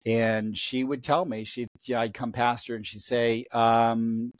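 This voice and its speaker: A man's voice: mid-range voice, flat delivery, dry recording. Rambling middle-aged man telling a story. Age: 50s. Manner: rambling, halting storyteller with many restarts. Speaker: guest athlete. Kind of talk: casual podcast storytelling.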